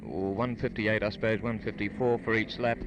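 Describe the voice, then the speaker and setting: A radio sports broadcaster stands outdoors by a motor racing track, offering live commentary and interviews that are formal and hesitant, like 1950s radio. He speaks at normal speed in a fairly low, steady voice, and the noisy 1958 recording is filled with engines and racing cars.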